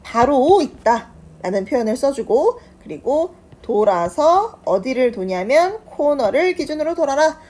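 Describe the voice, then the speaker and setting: Lively Korean woman teaching English. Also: sits high. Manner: patient, explains step by step, slow drawn-out English examples. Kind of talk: online English lesson.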